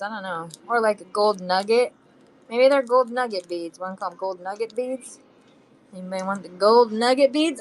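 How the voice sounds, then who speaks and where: This live selling stream features a woman seller chatting casually with buyers as she displays beads and charms. Her mid-range voice carries a bit of phlegm, and she hums and sings to herself between items. The low-quality audio has a little hiss or hum.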